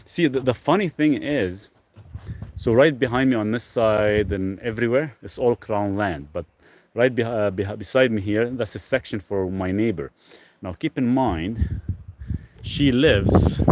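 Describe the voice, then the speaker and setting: A Lebanese man with a mid-range, slightly mellow voice chats casually on a live stream from rural off-grid land outdoors, reading viewer comments aloud and responding to them. He's recorded on a phone camera, and there's a faint hiss or hum.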